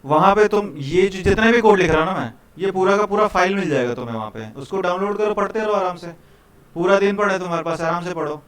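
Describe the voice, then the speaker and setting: A man's voice: high-pitched, quick pace. A man teaching a live programming class to students in a casual, chatty way, often checking in with them and calling them brother. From India. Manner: casual, repeats "ठीक है" and "भाई", coaxing students.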